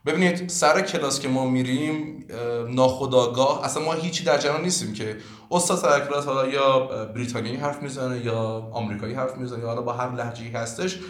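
A man's voice: mid-range voice, roomy sound. A man from Iran who teaches languages, giving earnest, lecturing answers in a podcast interview, with many fillers.

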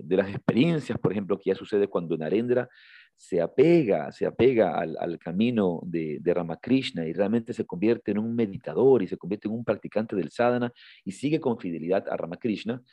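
A man co-hosting a podcast, retelling a story in a casual, halting way, often repeating words and lifting his voice when he quotes someone. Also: deep voice, animated, mellow, no echo. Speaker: podcast co-host.

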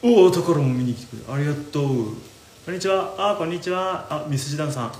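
Young male stream host, chatty, reads comments aloud; echoey kitchen, pan frying loudly. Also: fairly high pitch, fast, slight background noise. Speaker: live-stream radio host. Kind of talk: casual chat while cooking. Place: home kitchen, indoors. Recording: roomy kitchen with loud frying sizzle.

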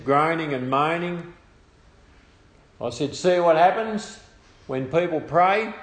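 An Australian man telling a personal testimony story in a halting way, with restarts and trailing phrases. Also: mid-range voice, roomy sound.

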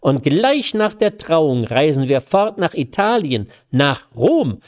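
An excitable, naive young man bursts out in high, eager cries of joy, as a man reading aloud puts him on. The voice rises well above the reader's own and grows louder. A slight scratch sits in the throat. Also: a little slow, close to an everyday voice. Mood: overjoyed.

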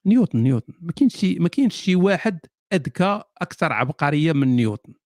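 Man, Moroccan accent, live Q&A host, quick-talking, joking and laughing, slightly high voice. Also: very animated, darkish tone, no echo, clean studio sound. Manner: jokey, laughs often, sardonic asides. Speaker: host answering viewer questions. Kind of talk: casual live Q&A.

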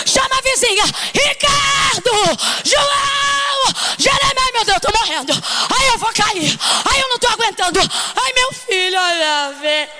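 A woman's voice: very high-pitched, heavy background noise, pitched above the performer's own voice, heavily acted. A woman preacher voicing a panicking mother who screams and calls out for help. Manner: frantic, wailing cries and calls.

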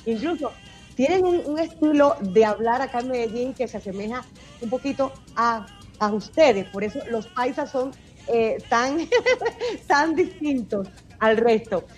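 A woman's voice: a little high, animated, measured pace, faint music behind. A woman from eastern Cuba with an eastern Cuban accent, chatting as a singer in a radio interview. She talks expressively and laughs often. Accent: eastern Cuban Spanish. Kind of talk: casual radio interview chat.

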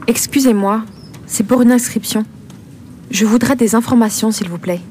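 A woman's voice: a little high, moderate pace, a little mellow, slight background noise, natural voice. A woman playing a young student who politely asks about library enrollment in a scripted course dialogue. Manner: polite and questioning.

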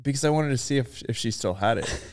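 A young man chats casually as a podcast co-host, his voice sitting at an ordinary male pitch. He comes across as easygoing, slipping in dry, joking remarks. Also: fast. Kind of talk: casual chat.

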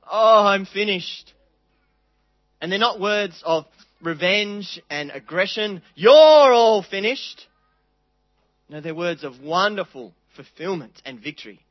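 A man preaching a sermon, earnest and dramatic, reading scripture aloud with quiet pauses. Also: on the high side, no room sound, dull audio.

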